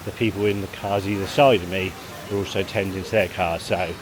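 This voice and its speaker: A man with a low-pitched, fairly even voice talks a little fast as he chats to camera for a family vlog. He rambles and chuckles between remarks, starting outdoors in a car park and ending at a leisure pool, with loud background noise on the handheld recording.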